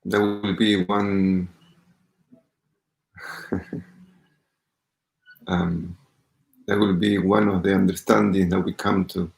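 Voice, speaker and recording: A man leading a live-streamed guided meditation as its teacher, speaking calmly and unhurriedly and greeting viewers by name. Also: sits low, slow, gravelly, pauses often. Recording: roomy echo.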